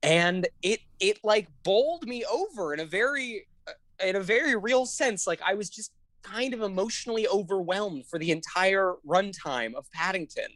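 A woman's voice: medium pitch, expressive, normal speed, fairly bright tone, no echo. Gushing, foul-mouthed woman podcaster. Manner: gushing, swears freely, laughs often. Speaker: podcast co-host. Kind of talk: casual film review chat.

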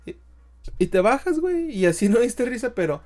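A young Mexican man, a stand-up comedian, telling stories in a slangy, animated way and acting out what people said. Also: extremely high pitch, moderate pace. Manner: animated storyteller, slangy, acts out quotes. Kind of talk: casual podcast chat.

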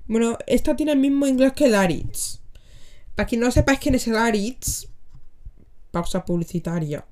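A woman's voice: fairly high pitch, moderate pace, a little mellow. Giggly young Spanish woman hosting. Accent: Spain Spanish. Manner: chatty, giggly, thinks aloud while reacting to clips. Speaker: podcast host. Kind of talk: casual solo podcast chat.

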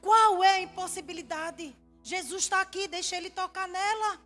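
Woman pastor, sermon, bright voice, music behind. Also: very high voice, steady tone, moderate pace. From Brazil. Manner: preaching with rising, shouted climaxes; acts out quoted voices in a playful aside. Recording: preaching over background music.

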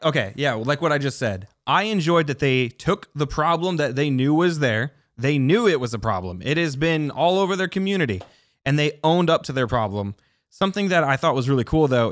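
A relaxed man co-hosting a gaming chat, agreeable and quick with short reactions. His mid-pitched voice is recorded dry and close, with no room echo. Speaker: podcast co-host.

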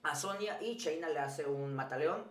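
Man, high bright voice, slangy joking recaps, echoey room. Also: normal speed. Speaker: wrestling podcast co-host. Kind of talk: casual chat.

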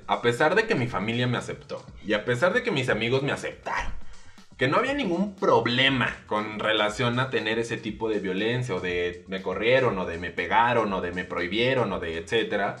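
A young man with a Mexican Spanish accent hosts a casual podcast chat. He tells personal stories in a lively, expressive way and laughs easily. His voice sits in a middle pitch, with faint music playing behind him. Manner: lively storytelling, laughs often, mimics friends. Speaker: host.

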